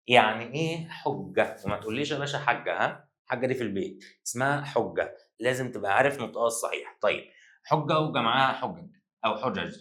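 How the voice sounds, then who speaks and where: A young man with an Egyptian accent teaching an exam-prep lesson, joking and teasing his students in rapid colloquial banter. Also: medium pitch, fairly bright tone. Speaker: Arabic teacher. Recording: echoey room.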